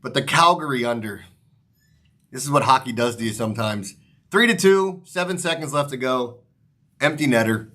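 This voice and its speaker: A man's voice: mid-range voice, normal speed, bright, forceful tone. A man hosting a sports betting show, talking casually and ramblingly to viewers with mild swearing, his articulation slightly off as if his mouth is numb from the dentist. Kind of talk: casual sports picks commentary, straight to viewers.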